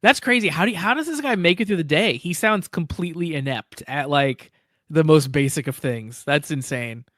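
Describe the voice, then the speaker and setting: A man co-hosting a podcast in casual chat, reacting to a story with laughs and quick remarks. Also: on the high side, animated, a bit bright, dry recording, studio quality. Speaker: podcast co-host.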